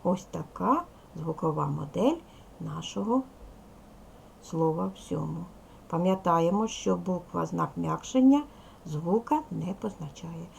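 A woman's voice: lowish voice, expressive, takes it slowly, vocal fry, a little mellow, slight background noise. A woman teaching a recorded lesson to young schoolchildren, patient and step by step, counting aloud and speaking to them as little ones. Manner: addresses pupils as little children. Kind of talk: recorded video lesson for second graders.

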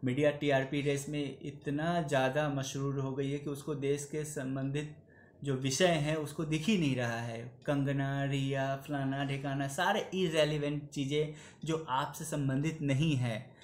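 A man's voice: medium pitch, level tone, a little slow, echoey room, slight background noise. A man in his thirties giving an earnest opinion commentary to camera in a small room, pleading and slipping into English phrases. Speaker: vlogger.

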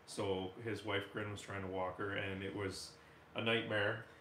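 A man's voice: fairly low pitch, flat delivery, normal speed, bright, forceful tone, slight background noise. A man, chatting casually and telling rambling stories as a homestead channel host in a living room. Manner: easygoing, rambling storyteller. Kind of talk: casual group chat. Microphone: far camera. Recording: echoey room.

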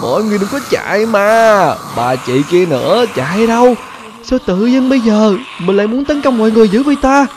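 A man voicing a glitched male zombie demon with a raspy, croaking voice, excitedly exclaiming to viewers. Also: sits high, moderate pace, a little hiss or hum. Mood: alarmed.

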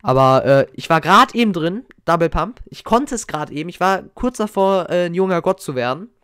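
A young man giving casual, slangy reaction commentary as a gaming YouTuber, excitable and reminiscing. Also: high-pitched, normal speed, clean tone, no echo, studio quality. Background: faint game music.

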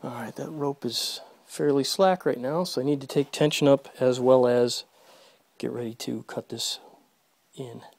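Demonstrating fence work, a man talks offhandedly as he handles an electric fence in a horse barn, addressing himself and his horses between tasks. His gravelly mid-range voice is unhurried and darkish with fairly even intonation. A phone camera held close in the stall records it first-person with no room sound.

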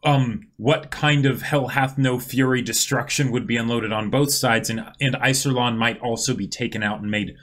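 A man's voice: mid-range voice, fairly even intonation, normal speed, few pauses, fairly bright tone. Laid-back agreeable male co-host. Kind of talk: casual reaction discussion.

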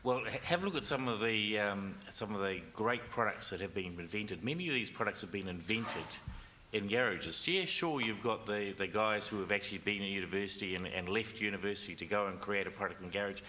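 A man's voice: lowish voice, fairly quick, sharp tone, a little hiss or hum. A man speaking earnestly and urgently as a panelist at a conference discussion. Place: convention centre stage.

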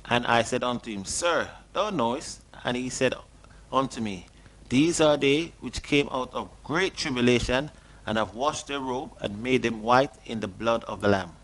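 A middle-aged man preaching a sermon and reading scripture at a desk, earnest and questioning, lifting his pitch on stressed words. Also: normal speed, fairly bright tone. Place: small indoor studio at a desk.

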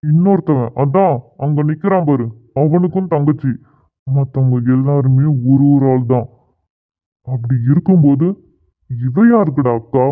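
A man's voice: mid-range voice, a little slow, pauses often, close to an everyday voice. A man voicing a scheming young groom who dismisses and threatens a group of schoolboys, in a cartoon. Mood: threatening. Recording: tinny phone-like audio.

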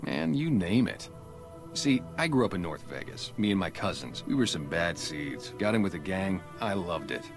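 A very deep, blunt ex-gang sniper for a video game, guarded and matter-of-fact. Clear music plays under his lines. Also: sing-song, moderate pace. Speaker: town security guard. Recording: game audio with music behind.

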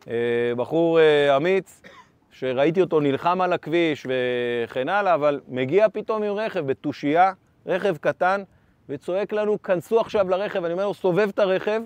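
A man's voice: on the high side, clean tone, no room sound. Man retelling combat in urgent bursts. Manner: urgent storytelling, re-enacting shouted dialogue. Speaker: former tank brigade commander giving testimony. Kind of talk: first-person combat testimony.

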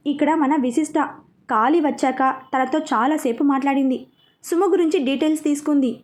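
A woman narrating a serialized audio story with an expressive reading. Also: sits high, normal speed.

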